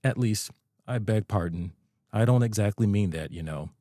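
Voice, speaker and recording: Man doing a chatty laid-back otter, low voice, dry recording. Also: moderate pace, dark tone, no room sound, lightly acted. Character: easygoing male otter, sociable.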